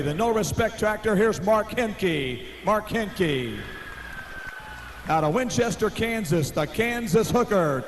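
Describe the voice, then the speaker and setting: An American man working as an arena announcer, introducing competitors in a rousing, projected voice with drawn-out names. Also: high-pitched. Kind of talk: driver introductions at a tractor pull show. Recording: noisy live arena PA recording.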